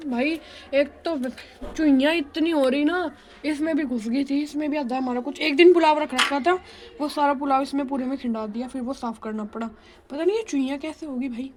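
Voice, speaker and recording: A woman's voice: high voice, fairly quick, a little hiss or hum. A young woman from western Uttar Pradesh with a Western Uttar Pradesh Hindi accent, chatting bluntly and rambling in a casual vlog from her hostel room, laughing often. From western Uttar Pradesh, India. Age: young adult. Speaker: vlogger.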